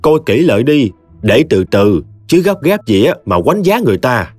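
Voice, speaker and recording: A man voicing a calm older woman with a Southern Vietnamese accent, counseling patience. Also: medium pitch, moderate pace, faint music behind, voice pushed up. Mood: cautioning.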